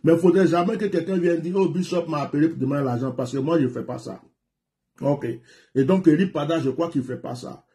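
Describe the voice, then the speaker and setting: A pastor from Côte d'Ivoire talks live to his viewers and callers, animated and given to repeating himself. His voice sits a bit high for a man but has a warm, mellow tone. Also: a little fast. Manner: animated and repetitive, laughs often. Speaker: pastor hosting a live show. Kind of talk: live-stream talk with callers.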